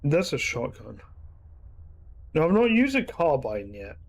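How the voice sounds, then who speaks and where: A man's voice: fairly high pitch, wildly swooping pitch, measured pace, creaky. A man giving casual, rambling commentary while streaming a shooter game, often correcting himself mid-sentence. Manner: chatty, rambling, self-correcting asides.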